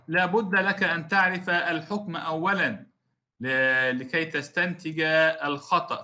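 A man's voice: a little high, pushed and bright. A man teaching a recorded lesson on Quran recitation rules, explaining step by step, repeating key terms and speaking straight to his students. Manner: addresses students directly as a class.

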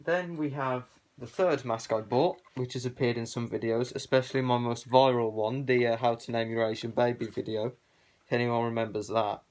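Casual guy, voice through a cloth balaclava, offhand and rambling collector chat, average pitch. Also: fairly even intonation, normal speed, a little mellow. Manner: rambling, filler-heavy, offhand. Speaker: collector showing his gas masks. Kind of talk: casual show-and-tell vlog.

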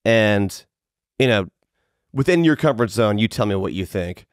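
A man's voice: fairly low pitch, lively intonation, normal speed, no room sound, studio quality. A man in his fifties hosting a podcast interview, rambling and casual, swearing and poking fun at himself. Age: 50s. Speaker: podcast host.

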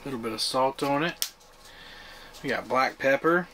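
An easygoing man talks through his evening on a pontoon boat, chatting loosely and pausing on filler words. His voice sits in an ordinary middle pitch. A faint outdoor hiss runs under the recording. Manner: relaxed, chatty, many "uh" fillers. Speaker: outdoor vlogger. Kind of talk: casual camping vlog talk.

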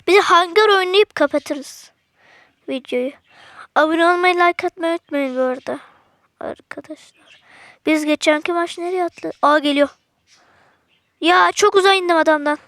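A woman's voice: very high voice, normal speed, pauses often, fairly bright tone, no echo. A woman giving casual, slangy gameplay commentary to her viewers, with sudden frustrated outbursts. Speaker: gaming channel host.

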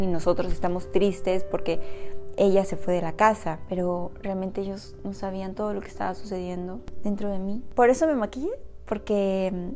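A woman's voice: mid-range voice, warm tone. A woman vlogger telling her own story straight to the camera, earnest and personal, speaking directly to her viewers. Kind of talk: personal confessional talk to camera.

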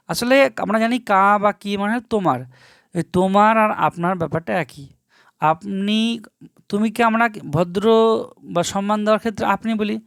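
An Arabic teacher in a recorded grammar lesson who reads example phrases slowly and carefully, then explains them. The teacher often asks the class a question and answers it right away. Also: medium pitch, clean tone, no room sound, studio quality.

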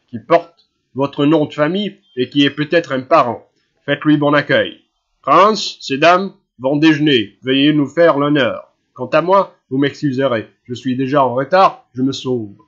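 A man's voice: mid-range voice, moderate pace, a bit bright, lo-fi sound, close to an everyday voice. A man voicing a genial, hasty older general in an audiobook, with an affable, reassuring manner. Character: hurried, genial older general, husband and father. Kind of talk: audiobook character reading.

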